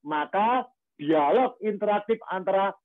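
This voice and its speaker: A man's voice: sits high, expressive, a little slow, dry recording. A man giving a religious study lecture on Quranic commentary in a conversational way, with rhetorical questions and frequent fillers. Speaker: Islamic religious teacher. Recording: tinny phone-like, dry sound.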